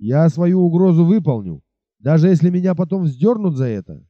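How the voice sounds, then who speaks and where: A man voicing a jealous, threatening village woodsman in an audiobook, low and forceful. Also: big pitch swings, moderate pace, no room sound, highs cut off. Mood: menacing. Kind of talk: audiobook character voice.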